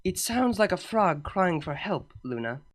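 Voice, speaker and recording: A woman's voice: on the low side, sing-song, unhurried. Celestia, a woman doing an exasperated princess. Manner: exasperated, sighing, polite. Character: regal, exasperated alicorn princess, adult mare.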